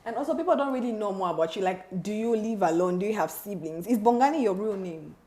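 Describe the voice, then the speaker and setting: A woman's voice: medium pitch, animated, fast talker, mellow. A woman with a Zambian accent interviewing casually, with probing, teasing questions. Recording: roomy, echoing sound.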